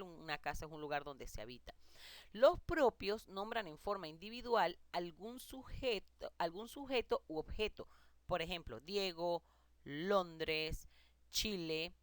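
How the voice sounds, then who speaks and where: A woman's voice: lowish voice, smooth, no room sound. A woman teacher giving a recorded grammar lesson, explaining rules patiently and listing examples one by one.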